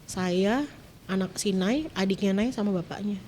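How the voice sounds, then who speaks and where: Speaking at a moderate pace in a warm, mid-range voice, a female guest recounts her personal story through short, clipped phrases. She sounds distressed and occasionally near tears, her pitch leaps up when she quotes others, and there's slight background noise.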